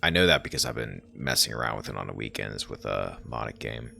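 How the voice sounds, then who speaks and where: A man's voice: very deep voice, expressive, brisk, gravelly, sharp tone, a little hiss or hum. A man hosting a let's play, commenting offhandedly and reading game text aloud. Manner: offhand, conversational.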